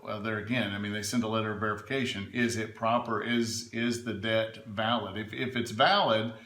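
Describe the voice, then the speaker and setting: Male adviser, lowish forceful voice, emphatic explainer in a conversational interview, roomy sound. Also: fairly even intonation, a little fast. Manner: emphatic, checks in with "right?" and "okay?". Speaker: legal adviser being interviewed. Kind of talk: informal explanatory interview answers. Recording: echoey room.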